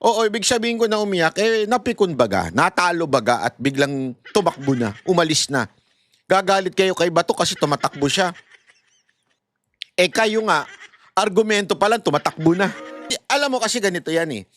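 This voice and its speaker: High-voiced man mocking politicians. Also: expressive, moderate pace, fairly bright tone. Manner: mocking, laughs often, addresses viewers as countrymen; mixes English phrases into talk. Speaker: political commentator. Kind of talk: casual political commentary.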